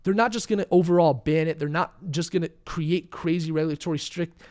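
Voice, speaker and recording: A young man runs a live crypto trading stream, giving market commentary while reading and answering chat questions in a casual, chatty way full of fillers. He's a bit sick and losing his voice, so he sounds a little hoarse. His pitch sits on the high side, his pace is fairly quick, and his tone is darkish.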